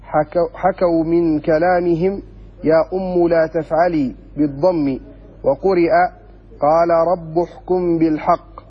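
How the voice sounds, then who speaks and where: A man's voice: a little high, steady tone, measured pace, husky. A male student reading a classical grammar text aloud in a lesson, quoting verses steadily. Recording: dull recording in a reverberant hall.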